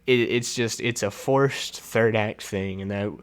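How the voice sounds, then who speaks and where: A man's voice: fairly low pitch, a little slow, smooth. Chatty laughing male film reviewer. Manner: chatty, laughs often, many fillers and restarts. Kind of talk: casual solo film review.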